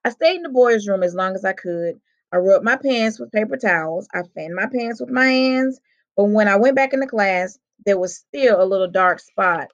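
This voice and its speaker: A woman reads a children's chapter book aloud, telling the first-person story expressively. Her voice sits at a middle pitch for a woman. The recording sounds dull and lo-fi. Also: animated, moderate pace.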